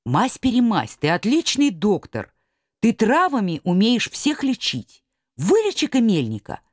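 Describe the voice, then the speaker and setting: A woman's voice: fairly high pitch, huge pitch swings, unhurried, dry recording, clean studio sound, pitched above the performer's own voice, full character voice. Woman voicing a sensible little elf leader. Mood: earnest. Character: sensible tiny male elf giving orders.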